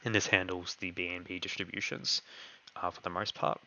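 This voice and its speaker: A man's voice: low voice, little pitch movement, brisk, sharp tone, highs cut off. A man hosting a live online Q&A who is losing his voice and talks with many hesitations and fillers. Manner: hesitant, heavy on fillers and "kind of". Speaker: crypto project host answering community questions.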